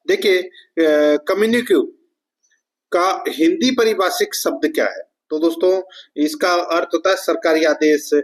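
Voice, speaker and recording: Man walking students through an exam answer key. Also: fairly high pitch. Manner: addresses viewers as friends, repeats key terms, steady explanatory flow. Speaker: exam coaching teacher.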